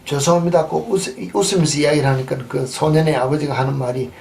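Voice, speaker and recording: A male pastor preaching a sermon and telling a story, swinging between loud emphatic bursts and quiet asides. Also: fairly high pitch, brisk, vocal fry. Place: church sanctuary. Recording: distant mic with faint background noise.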